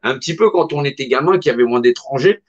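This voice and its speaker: A middle-aged man with a mid-range voice delivers an impassioned, emphatic monologue, talking fast and animatedly in a colloquial, repetitive way. The recording is dull and lo-fi.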